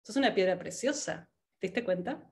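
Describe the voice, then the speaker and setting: A woman's voice: mid-range voice, expressive, normal speed, a little mellow. A woman leading a coaching workshop. She asks one rhetorical question after another and laughs often. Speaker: workshop facilitator.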